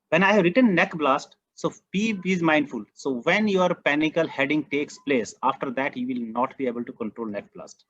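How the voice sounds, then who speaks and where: A man's voice: mid-range voice, fairly bright tone, dry recording. A man from India with an Indian accent, giving an earnest, emphatic online training lecture on a video call. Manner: earnest, emphatic, repeats key points. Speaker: agronomy trainer. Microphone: computer mic on a video call. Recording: muffled video call audio.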